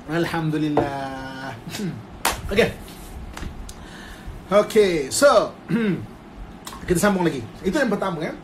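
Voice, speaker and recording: Animated Malaysian religious teacher, man. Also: on the high side, background noise. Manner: animated, mixes English terms, laughs, acts out quoted spouses. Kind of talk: informal religious lecture on a live stream. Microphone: phone live stream.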